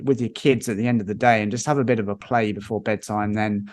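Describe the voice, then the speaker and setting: A man, a podcast guest chatting casually and telling lively anecdotes with chuckles. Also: fairly low pitch, fast talker.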